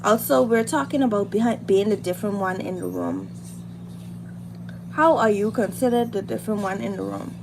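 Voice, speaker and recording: Animated and medium-pitched, a woman with a Bahamian accent speaks at an ordinary pace while doing her makeup on a livestream. She creates beauty and hair content, and her motivational chat is informal and full of repeated phrases, with loud noise behind her.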